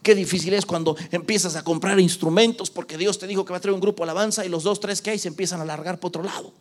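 Dramatic high-voiced preacher. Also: male voice, fairly even intonation, quick pace. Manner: dramatic, swinging from hushed whispers to shouts; acts out the voices of the people he quotes. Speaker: pastor. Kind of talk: sermon.

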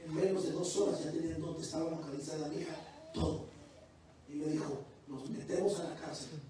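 A man's voice: a little high, steady tone, fairly quick, slight background noise. Fervent preacher man in a very echoey hall. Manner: testimony building to loud fervent preaching. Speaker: pastor. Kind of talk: sermon. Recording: distant, very echoey church hall.

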